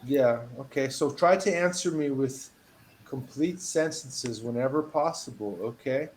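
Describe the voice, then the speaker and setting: A male English tutor gives a one-on-one lesson over a video call, patient and encouraging as he reads model phrases with lively emphasis. His voice sits in the mid range and moves a little slowly, with slight background noise.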